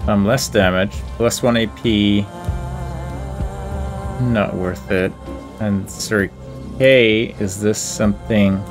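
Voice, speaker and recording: This let's play host speaks slowly in a lowish, steady voice, leaving long pauses as he reasons aloud about his gameplay choices. The commentary is casual and self-musing, and game music plays faintly behind him.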